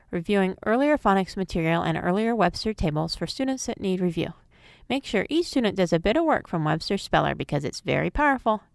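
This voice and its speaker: A woman narrates a scripted phonics lesson in a clear, measured way, with a gravelly edge to her voice. The sound is dry and close. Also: mid-range voice, dry recording. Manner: clear, measured instructional delivery. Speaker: phonics teacher.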